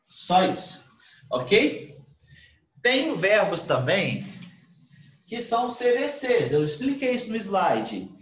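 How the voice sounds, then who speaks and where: A man's voice: high-pitched, big pitch swings, takes it slowly, long pauses, a little hiss or hum. A man, an English teacher, explaining grammar in an online class, asking questions and answering them himself. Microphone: computer mic on video call. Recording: roomy video call audio.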